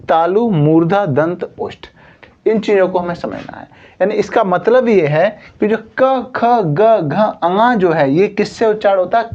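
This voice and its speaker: Guy teaching hindi letters online, slow and repetitive, keeps saying theek hai, kinda dull lo-fi audio. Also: high-pitched, a little mellow. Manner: explains slowly, repeating "theek hai" often; sounds out letters one at a time. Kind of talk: online coaching lesson. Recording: slightly dull lo-fi sound.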